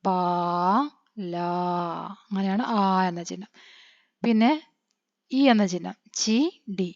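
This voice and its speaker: A woman, teaching a patient lesson and spelling letters out slowly, quizzing her pupils as she goes. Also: medium pitch, a little mellow, no echo. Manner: patient, asks the children questions and answers them. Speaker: Hindi teacher. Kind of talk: classroom-style lesson. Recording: dry, dull lo-fi recording.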